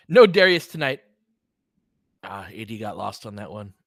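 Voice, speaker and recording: This American basketball commentator and analyst speaks in a lowish, sing-song voice at a measured pace, chatting casually with viewers and answering their comments live. The audio is clean studio sound with no room ambience.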